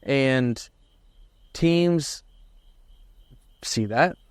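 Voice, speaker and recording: A man's voice: mid-range voice, drawn-out words, smooth, dry recording, studio quality. A man co-hosting a casual sports podcast, making his points emphatically. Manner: emphatic, argumentative. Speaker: podcast co-host.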